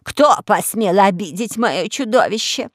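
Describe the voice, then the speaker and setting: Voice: mid-range voice, expressive, a little slow, dry recording, clean studio sound. A reader voicing a fussy, protective middle-aged queen in an audiobook, doting and indignant. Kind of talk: audiobook character voice.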